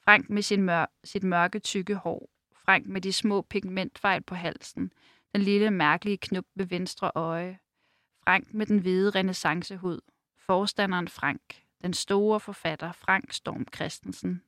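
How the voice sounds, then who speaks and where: A woman reading a first-person novel aloud in a measured, unhurried way, then talking about the book. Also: medium pitch, fairly even intonation, fairly bright tone, dry recording, studio quality. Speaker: reader and book discussant.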